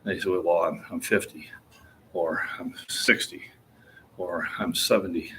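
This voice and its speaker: Sitting low with fairly even intonation, this man's voice comes across pushed and bright at a measured pace, over a little hiss or hum. He's a fitness vlogger in his sixties rambling casually about his lifting in a gym, plainspoken and quick to chuckle.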